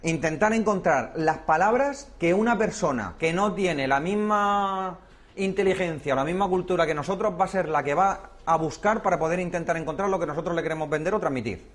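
A man's voice: high-pitched, fairly quick. A man teaching a hands-on workshop class, explaining step by step and often checking in with his listeners. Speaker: workshop instructor.

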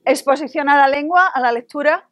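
A woman with a Spanish accent leads a workshop for teachers, lively and playful as she questions the room. Her voice sits a little high. The sound is close and dry, with no room around it. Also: brisk, no echo. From Spain. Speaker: university Spanish instructor leading a workshop. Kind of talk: interactive workshop discussion.

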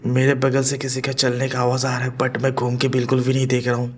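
A man hosting a gaming channel, giving horror gameplay commentary in a deliberately quiet, hushed voice with nervous self-talk as he explores. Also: medium pitch, monotone, a little hiss or hum.

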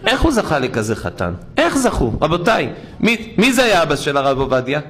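A middle-aged rabbi preaching a fervent sermon in a synagogue. His fairly high voice drops to low, quiet asides, then leaps up into sharp exclamations as he tells his stories and urges his listeners on. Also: huge pitch swings. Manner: impassioned storytelling preacher, swings between low murmurs and high exclamations.

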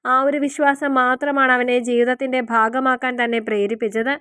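A woman narrating a romantic novel as an audiobook, in a steady storytelling read. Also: high voice, slight background noise.

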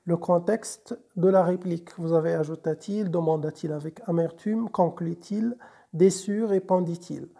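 A woman teacher talks through a grammar lesson in a low, mellow voice. She explains patiently, asks "okay?" after each point, and stumbles over repeated words and fillers as she thinks. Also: creaky. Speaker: French teacher.

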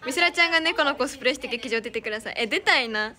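A young woman with a high, bright voice and a Kansai accent chats casually to fans on a live stream. She giggles often and thanks viewers as she reads their comments. A crowd murmurs in the background. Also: animated, racing. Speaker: idol streamer.

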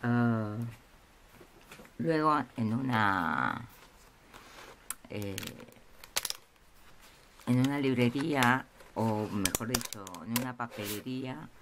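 Woman, slow, hesitant, casual show-and-tell, noisy tabletop recording. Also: a bass voice, lively intonation. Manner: slow, hesitant, with many pauses and fillers. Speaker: craft vlogger showing a haul. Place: indoors at a table. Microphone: camera over a tabletop, speaker off-screen. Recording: noisy room with crinkling packaging.

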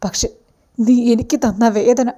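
A vengeful young rival speaking slow and bitter, each word weighed out, as a woman narrator puts her on. Her tone is cold and deliberate. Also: on the high side, fairly even intonation, mellow.

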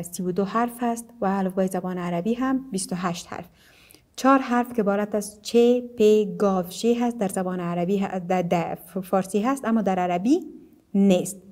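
A woman's voice: mid-range voice, a little mellow. Teacher: woman, Afghan Dari accent, patient lesson delivery, has viewers repeat after her. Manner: patient, repeats sounds slowly for the viewer to echo; asks questions and answers them herself. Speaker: Quran reading teacher.

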